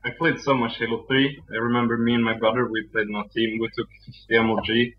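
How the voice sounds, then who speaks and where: A young man from Sweden with a Swedish accent, a guest answering interview questions in a relaxed, soft-spoken way. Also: quick pace. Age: young adult. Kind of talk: casual interview. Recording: muffled low-fidelity audio.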